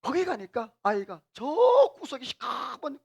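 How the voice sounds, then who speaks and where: A man's voice: very high-pitched, lively intonation, normal speed, vocal fry, fairly bright tone, slightly rough. A middle-aged male pastor preaching a sermon in a church, asking the congregation questions and having them repeat phrases after him. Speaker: senior pastor. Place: church sanctuary.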